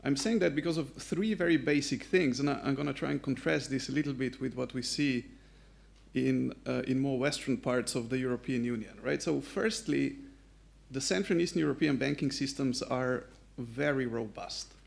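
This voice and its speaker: A man with a strongly gravelly, fry-heavy voice speaks on a conference panel. He builds his case point by point with firm emphasis. His pitch sits in the middle range. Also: normal speed. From Slovenia. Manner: assertive, structured, emphatic.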